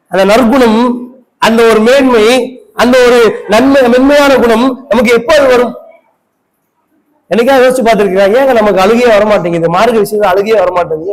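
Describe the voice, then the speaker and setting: High-voiced Tamil preacher, impassioned. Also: male voice, low-quality recording. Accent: Tamil Nadu. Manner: impassioned, questioning the audience. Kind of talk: Friday sermon. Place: mosque.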